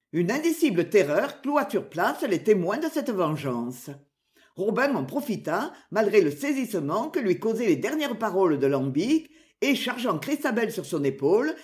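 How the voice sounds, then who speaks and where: A woman narrates an adventure tale aloud. Her reading is dramatic and expressive, with a lively, wide-swinging melody and a middle pitch. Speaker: audiobook narrator. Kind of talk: storybook narration.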